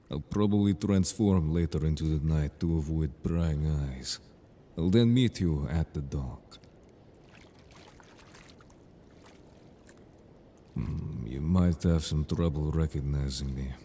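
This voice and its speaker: In an audio drama, a male actor voices a protective merfolk man in an extremely low, dark, mellow tone. His phrases are measured and formal, carrying the calm assurance of someone worldly and self-assured, and he sounds calm and reassuring despite some background noise.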